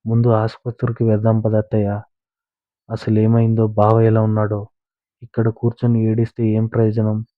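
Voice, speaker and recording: A man's voice: lowish voice, monotone, moderate pace, dry recording, lightly acted. A man reading a story voices a frightened young woman who speaks in a trembling, tearful voice, recorded on a tinny, dry line. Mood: urgent.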